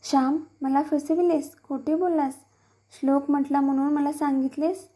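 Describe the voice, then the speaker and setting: A woman's voice: sits high, little pitch movement, moderate pace, dark tone, natural voice. A woman reading the lines of a stern but loving village mother who scolds her son for lying. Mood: scolding. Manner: firm, scolding.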